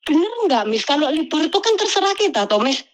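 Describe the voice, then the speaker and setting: A woman tells her story to a host in a casual way. She sounds animated and complaining, and she keeps calling the listener "Miss". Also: sits high, quick pace, low-quality recording. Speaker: migrant domestic worker telling her story.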